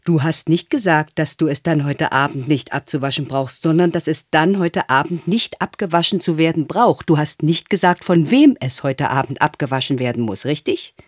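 A man's voice: on the high side, normal speed, few pauses, no room sound, clean studio sound, natural voice. A man voicing a stern, pedantic father who lectures his son, in an audiobook reading. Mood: lecturing. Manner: nitpicking, lecturing. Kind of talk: audiobook character voice.

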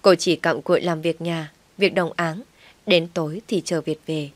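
A woman narrating an audiobook story in a steady, emotive reading. Her voice sits on the low side and the recording is close and dry. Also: moderate pace, no echo.

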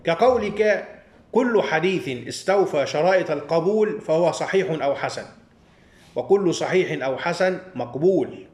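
A man's voice: a little high, expressive, moderate pace, a little mellow, reverberant. A man with an Egyptian accent teaching a hadith studies class, leaving sentences open so his students can finish them. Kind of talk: classroom lecture with call-and-response.

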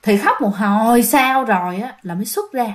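A woman narrating a ghost story, animated and talking directly to her listeners. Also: fairly high pitch, moderate pace.

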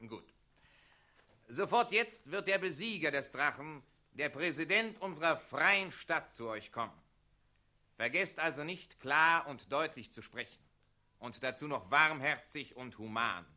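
An actor playing a fussy, pedantic town mayor in a radio play, drilling the townsfolk on how to say their lines. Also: male voice, a little high, lively intonation, measured pace, sharp tone, full character voice. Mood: bossy. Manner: bossy and pedantic, coaching others' delivery, then servile.

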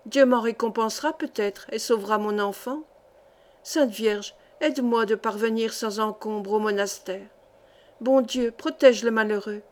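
A woman's voice: on the high side, close to an everyday voice. A woman reading a devout old grandmother. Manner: soft, pleading, prayerful.

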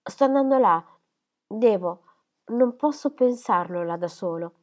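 A woman's voice: medium pitch, animated, unhurried, close to an everyday voice. A woman reading aloud and voicing an anxious, determined young woman who speaks urgently. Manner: urgent, pleading.

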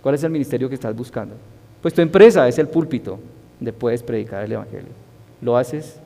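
A man's voice: medium pitch, animated, brisk, vocal fry, mellow. Preaching man in a reverberant hall. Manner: asks the audience rhetorical questions. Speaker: Bible study teacher. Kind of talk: sermon.

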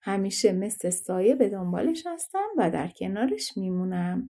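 A woman voicing a boastful, scornful yellow dwarf man in a fairy-tale audiobook. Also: medium pitch, big pitch swings. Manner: mocking, self-satisfied.

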